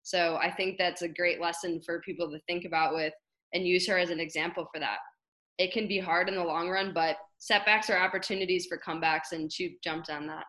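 A woman's voice: lowish voice, fairly even intonation, brisk, sharp tone, rough recording. A woman and former teammate talking in a casual podcast conversation, enthusiastic and effusive, with frequent "like" fillers.

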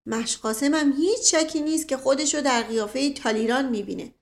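Witty, scheming nobleman read by a woman; smooth, placating persuasion. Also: sits high. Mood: persuasive. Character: witty, sly middle-aged nobleman.

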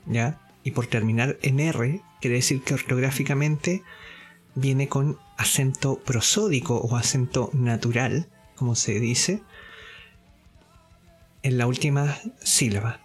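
Slow, deliberate male teacher. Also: medium pitch, slightly rough, faint music behind. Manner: deliberate, explaining step by step with frequent checks for understanding; hesitant fillers and self-repeats. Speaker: course teacher. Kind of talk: spoken lesson.

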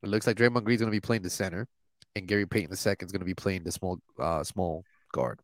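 A man's voice: low-pitched, fast, dry recording. A man co-hosting a casual sports stream, talking like a frat bro with slang, swearing and lots of bro. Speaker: co-host of a sports talk live stream.

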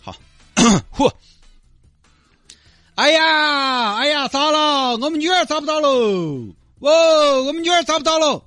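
A man plays a nervous middle-aged father with a Sichuan accent who badly overacts his grief. He wails in big lively swings of pitch, and the sound is dry. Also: fairly quick, dry recording, soft background music, full character voice. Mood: hammy.

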